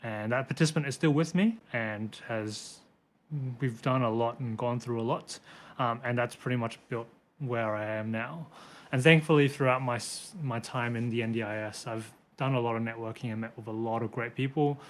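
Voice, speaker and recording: A man's voice: medium pitch, fairly even intonation, moderate pace. A man in his twenties with an Australian accent, chatting casually as a podcast guest, laughing easily and joking about himself. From born in Hong Kong, raised in Brisbane, Australia. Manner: chatty, laughs easily, self-deprecating asides. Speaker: physiotherapist guest.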